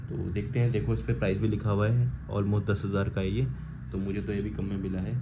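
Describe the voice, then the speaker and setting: An Indian vlogger reviewing gear walks through a casual unboxing and installation, speaking briskly in a low, flat tone and mixing Hindi with English phrases informally. The lo-fi recording is muffled, with faint background noise.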